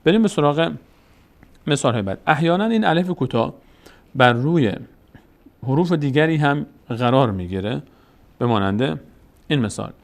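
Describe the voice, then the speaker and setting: A man's voice: on the high side, animated, gravelly. Man patiently teaching recitation, drawing out syllables. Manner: explains slowly, repeats syllables and drawn-out words for the learner to copy. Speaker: Quran reading teacher. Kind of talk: step-by-step recitation lesson.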